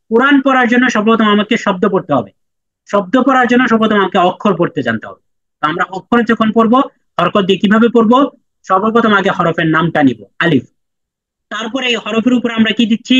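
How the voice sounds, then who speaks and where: High-voiced man teaching Quran letters. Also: a bit bright. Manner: patient, repeats sounds slowly for students to echo. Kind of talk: online class lesson. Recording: dry, dull lo-fi sound.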